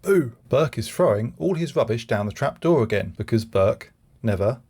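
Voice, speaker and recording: Gravelly man in his forties reviewing. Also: mid-range voice, animated, moderate pace, a little mellow. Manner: dry, wry running jokes. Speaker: YouTube reviewer. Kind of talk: scripted retrospective review narration.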